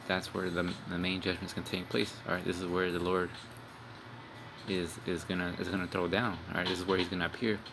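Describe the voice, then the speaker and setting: A gravelly, low-sitting male voice carries this informal religious video sermon against a noisy background and music. The speaker, a young street preacher, rambles, curses bluntly, and tags his lines with "man" and "all right."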